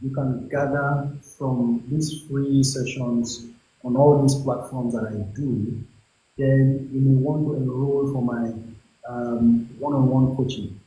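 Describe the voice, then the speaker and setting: A man with a Nigerian English accent hosting a live call-in investment coaching session, giving an encouraging, salesy pitch with frequent ums. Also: dark tone. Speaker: investment coach and livestream host. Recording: echoey room with faint hiss.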